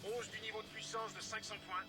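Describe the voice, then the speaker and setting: An actor voicing the male combat computer of a cyborg monster in a cartoon dub, speaking as a robot system booting up in flat, clipped machine readouts. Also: sits high, brisk, over loud music. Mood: robotic.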